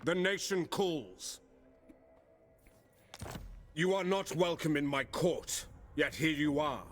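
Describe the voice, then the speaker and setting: Imperious ruler, slow, higher-pitched. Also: male voice, a bit bright, faint music behind. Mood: imperious, wary. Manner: formal, measured, cold. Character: suspicious, imperious ruler guarding his court. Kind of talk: video game diplomacy lines.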